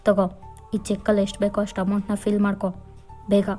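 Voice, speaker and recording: A woman's voice: medium pitch, monotone, brisk, mellow, faint music behind, lightly acted. A woman voicing a ruthless, domineering rich father who coldly threatens a young woman in a fan fiction voiceover. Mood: menacing.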